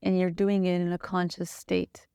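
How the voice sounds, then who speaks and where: A woman's voice: on the low side, completely flat delivery, normal speed, mellow, clear, resonant tone, no echo, clean studio sound. A woman guest on a podcast, earnestly telling a personal story with lots of "like" and "you know". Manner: earnest, searching, heavy use of "like" and "you know".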